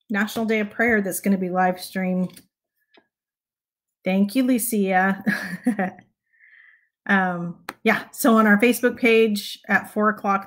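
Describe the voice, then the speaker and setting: A middle-aged Texan woman hosting a prayer livestream from her home study, lined with bookshelves, greets viewers casually in a mid-range voice. Little sleep has left her raspy, so she often clears her throat, chuckling softly in a relaxed manner. She's recorded on a clip-on lapel mic and a webcam.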